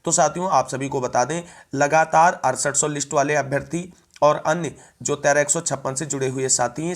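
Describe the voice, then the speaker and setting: Man reading a news update. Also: mid-range voice. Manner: formal wording in long run-on sentences. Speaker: education news presenter.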